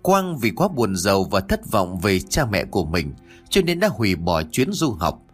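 Dramatic male horror narrator, animated pitch, soft music underneath. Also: normal speed, breathy edge. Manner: dramatic storytelling.

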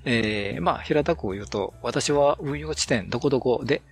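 A man hosting a radio talk show in a relaxed, chatty way full of fillers. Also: mid-range voice, moderate pace, gravelly, breathy edge.

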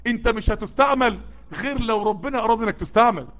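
A man preaches a sermon to a live group in an Egyptian Arabic accent, sweaty and worked up, urging listeners on with repeated, building calls. His very high-pitched voice is fast and fairly bright, on a dull lo-fi recording.

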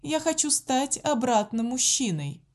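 A woman's voice: high-pitched, big pitch swings, unhurried, a little mellow, pitched above the performer's own voice. A woman voicing a cruel sorcerer disguised as a nun, speaking in a cold, mocking way.

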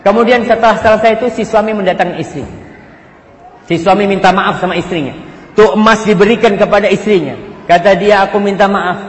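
Lively male preacher in an echoing hall. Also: sits high, brisk. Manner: storytelling, acting out dialogue, swinging between loud and soft. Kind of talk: sermon. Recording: roomy hall with long reverb, faint ambience.

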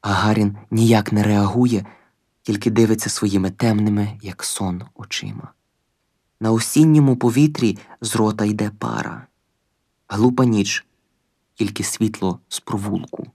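A man's voice: fairly low pitch, fairly even intonation, a little slow, a little mellow, husky. A man narrating a novel in the first person, in short clipped phrases, with bursts of crude swearing. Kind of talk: audiobook reading of a novel.

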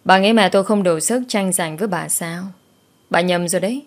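A woman's voice: lowish voice, fairly quick, close to an everyday voice. A woman voicing a cold, sarcastic young woman taking revenge.

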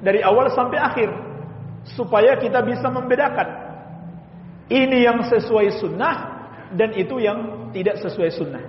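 A man with a high voice delivers an animated sermon to a mosque congregation, speaking to them directly and often affirming his points. His voice rings through a long, echoing hall, and the recording sounds dull and lo-fi. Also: slight background noise. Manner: animated preaching, swings between high emphatic and low explanatory tones; addresses the congregation directly, frequent affirming "iya". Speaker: Islamic preacher.

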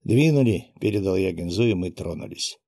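A man narrating a first-person audiobook in a steady, even reading. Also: fairly low pitch, normal speed, creaky, no echo, clean studio sound.

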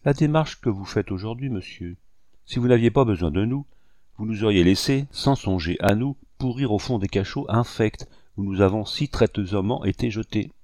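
A man's voice: fairly low pitch, moderate pace, darkish tone, no echo, lightly acted. A man reading an audiobook voices a young army captain who speaks coldly, ironically and with contempt. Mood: disdainful.

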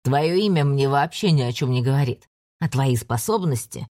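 A woman's voice: very deep voice, animated, normal speed, mellow. Woman reading a cheeky, defiant young man. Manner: sarcastic, defiant.

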